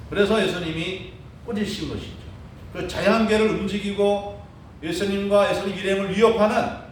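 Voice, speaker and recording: Animated high-voiced preacher in an echoing church. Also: male voice. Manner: animated preaching, frequent rhetorical "어?" asides, acts out quoted cries. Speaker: pastor. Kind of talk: sermon. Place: church sanctuary. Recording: echoey church hall, mic at a distance, faint rumble.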